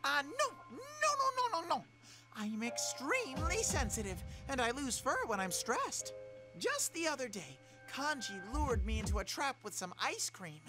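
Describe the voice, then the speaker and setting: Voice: medium pitch, big pitch swings, moderate pace, lightly acted. An actor voicing a cheerful, fretful bear mascot in a video game, bubbly and playful. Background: game music.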